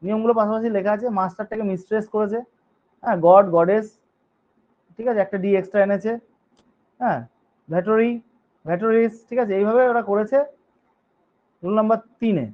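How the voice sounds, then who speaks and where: A male teacher with a high voice and fairly even intonation gives a grammar lesson, speaking a little fast with long pauses. He spells words letter by letter, reads each rule in English, explains it in Bengali, and keeps checking in with students. The recording is dull and lo-fi.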